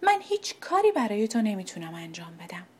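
A woman voicing a bitter, proud mulberry tree that refuses curtly and loudly in a children's story. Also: medium pitch, sing-song, husky. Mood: scornful. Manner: curt, loud and scornful.

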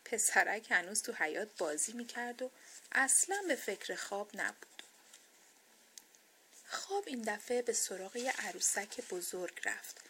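A woman reading a children's bedtime story aloud, soft, gentle and expressive. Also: medium pitch, slight background noise.

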